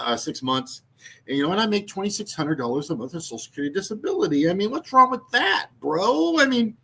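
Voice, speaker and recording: A sixty-something YouTube host with a voice on the high side and a bit bright chats casually on his channel. He rambles with many fillers and restarts, poking fun and laughing at his own jokes.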